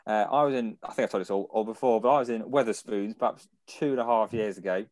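A young British man shares rambling anecdotes on a podcast, often breaking into laughter. His voice sits low, and the sound is dry and close. The talk is casual and loose. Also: quick pace, darkish tone, no room sound. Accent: British English. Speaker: podcast co-host. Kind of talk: casual chat.

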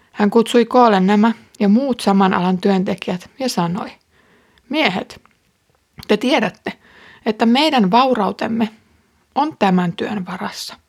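A woman reads a scripture passage aloud and then explains it to listeners. Her voice is husky and breathy, sitting at an ordinary middle pitch, and she keeps a calm, measured reading pace. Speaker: Bible reader and teacher.

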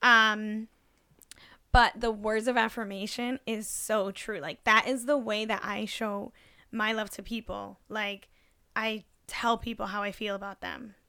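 A woman's voice: medium pitch, unhurried, smooth, no room sound. A young woman in casual podcast chat, talking freely with lots of fillers. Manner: chatty, many fillers, animated.

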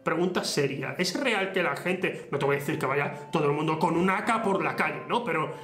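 In an echoey room with faint music playing, this young Spanish host keeps a chat casual but halting, with plenty of "eh," restarted sentences, and easy laughter. He speaks briskly in a fairly high, fairly bright voice.

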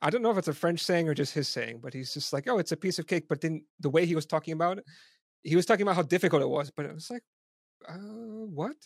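A man's voice: fairly high pitch, rapid-fire, vocal fry, dry recording, clean studio sound. A man hosting a casual interview, self-deprecating and stammering on repeated words. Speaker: podcast host.

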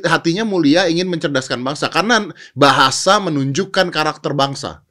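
A man's voice: a little high, brisk, bright, forceful tone. A man, debating playfully in a casual podcast chat.

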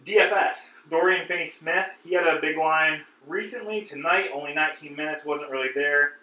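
A man's voice: a little high, fairly quick, reverberant, muffled recording. A man co-hosting a fantasy sports podcast, chatting casually through his analysis of players. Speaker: fantasy basketball podcast co-host.

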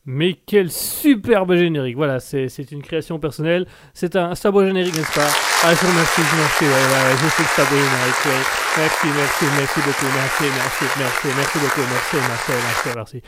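A man hosting a live stream show, chatting in a casual, self-mocking comic way while a little ill and clearing his throat. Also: on the high side, fairly quick, few pauses, very noisy.

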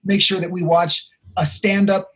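An upbeat man co-hosting a podcast, encouraging his listeners. His voice sits high for a man, with a husky edge. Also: flat delivery, normal speed, a bit bright. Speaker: podcast co-host. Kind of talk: casual podcast chat.

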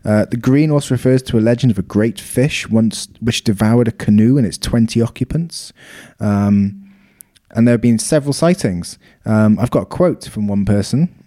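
A man's voice: fairly low pitch, normal speed, warm tone. A man co-hosting a travel podcast, joking around and reading facts from his notes. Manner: jokey, reads facts from notes. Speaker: podcast co-host. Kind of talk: casual chat.

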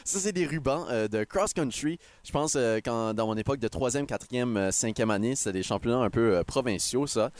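A young man, co-hosting a casual radio chat, relaxed and self-mocking. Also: mid-range voice, a little fast, hardly any pauses, no room sound. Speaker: co-host.

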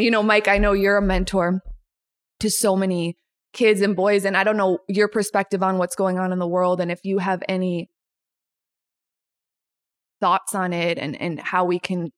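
Gentle woman interviewer, lower voice. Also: little pitch movement, normal speed. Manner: gentle, hesitant questioning with soft affirmations. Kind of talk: conversational interview.

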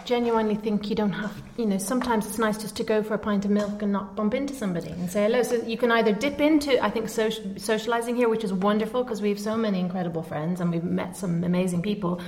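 Woman, mid pitch, candid and reflective in casual chat, quick to laugh. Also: a little mellow.

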